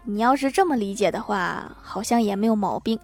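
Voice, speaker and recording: A woman narrating short comic jokes in a scripted style, adding deadpan quips after each one. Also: mid-range voice, a little fast. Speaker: joke-telling narrator.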